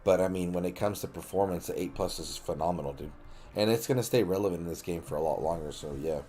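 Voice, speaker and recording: A man's voice: low-pitched, fast talker, mellow. A man hosting a late-night game stream, chatting loosely and joking with viewers, swearing freely. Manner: loose, profane and joking, talks to viewers as buddy. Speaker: livestream host. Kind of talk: casual late-night gaming stream chat.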